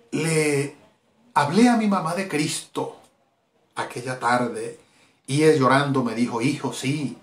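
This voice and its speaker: With a medium-pitched voice ringing in reverb, a Venezuelan pastor of middle age repeats himself emphatically. He is giving a fervent evangelistic sermon that is streamed live.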